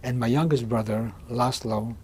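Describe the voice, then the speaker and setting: A man in his sixties from Hungary, giving oral history testimony in a halting way, often restarting and repeating words. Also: mid-range voice, fairly even intonation, darkish tone, slight background noise. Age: 60s. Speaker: interviewee.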